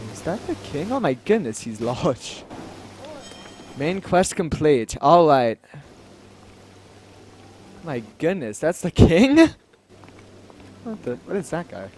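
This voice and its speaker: A man's voice: fairly high pitch, a little hiss or hum. A man hosting a let's play, chatting casually and rambling with giggles as he plays. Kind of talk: casual gameplay commentary.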